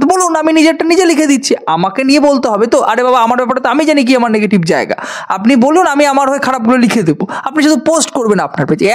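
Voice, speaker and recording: A man, a film-review vlogger ranting sarcastically to camera and scolding his critics. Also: very high-pitched. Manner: sarcastic, scolding, addresses viewers directly. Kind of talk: ranting direct-to-camera vlog.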